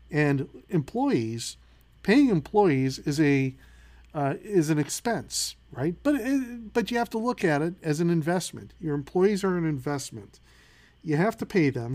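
A middle-aged man with a fairly high voice reads out headlines and then riffs on them in a loose, opinionated way. He stops and restarts often, leans on fillers, and works himself up as he talks. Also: darkish tone. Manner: opinionated, gets worked up, many fillers. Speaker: podcast host. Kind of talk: casual news commentary.

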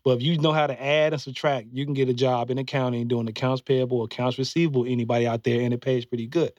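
A man's voice: medium pitch, fairly even intonation, fast talker, a little mellow, no echo. A man in his forties in casual podcast chat, talking loosely with many fillers and restarts while giving earnest advice. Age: 40s. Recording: dull, slightly muffled dry recording.

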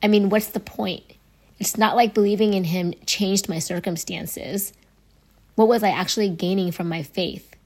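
A young adult woman hosting a faith podcast, her voice hoarse and raspy from laryngitis, talking in an earnest, conversational way. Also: mid-range voice, fairly even intonation, moderate pace, a little mellow. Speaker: podcast host.

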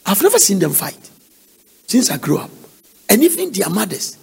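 A man's voice: sits high, huge pitch swings, moderate pace, vocal fry, slightly rough. A man preaching an earnest sermon, exhorting and telling family stories. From Nigeria.

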